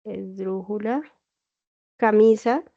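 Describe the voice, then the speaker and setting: Mellow-voiced woman teacher on a video call. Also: medium pitch, steady tone, slow. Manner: explains patiently, checks with "¿cierto?". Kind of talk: online class lecture. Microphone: computer mic on a video call. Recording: dull lo-fi video call audio.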